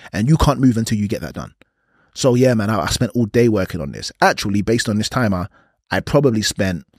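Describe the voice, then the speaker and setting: A man's voice: medium pitch, darkish tone, no room sound. Rambling male podcast host, dry sound. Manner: rambling, self-deprecating, laughs at himself. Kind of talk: casual solo podcast monologue.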